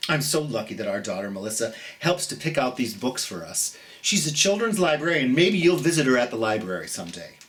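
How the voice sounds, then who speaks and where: Reading aloud and chatting with young listeners, a middle-aged host of a children's storytime stays gentle yet theatrical, stretching out words for emphasis. The medium-pitched voice is very animated throughout.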